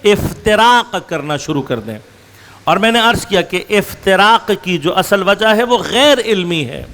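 A religious scholar with a notably high, fairly bright and expressive voice lectures a gathered audience on faith. He raises rhetorical questions and answers them himself, walking through examples in slow, stressed phrases alternating with quicker runs.

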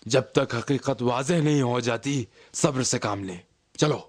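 A man's voice: mid-range voice, a little slow, close to an everyday voice. An actor playing a cautious male conspirator in a dubbed historical drama, urgent and tense. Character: cautious male conspirator urging the group to hide.

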